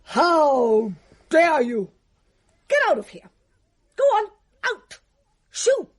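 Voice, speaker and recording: A sharp-tongued, flustered mother for a radio play. Breathy voice. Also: on the high side, huge pitch swings, a little slow, exaggerated voice. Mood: scolding. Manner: flustered, then sharp and scolding.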